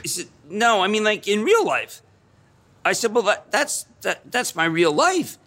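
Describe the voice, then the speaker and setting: Excitable, high-voiced middle-aged man. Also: measured pace. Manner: excitable, emphatic, repeats phrases for effect. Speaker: guest. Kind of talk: animated storytelling in conversation.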